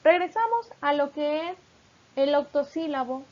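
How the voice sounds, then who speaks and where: A woman from Mexico, a teacher narrating a recorded lesson, explaining patiently and reading examples slowly. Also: high voice, animated, highs cut off.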